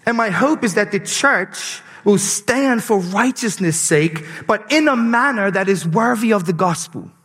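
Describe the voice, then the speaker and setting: A man's voice: high voice, animated, measured pace, few pauses, fairly bright tone. A man with a Bermudian accent preaches a sermon, speaking as a preacher to his congregation. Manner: rhetorical check-in questions to the congregation. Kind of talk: sermon with scripture reading. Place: large reverberant room, preaching to a congregation. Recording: reverberant hall sound.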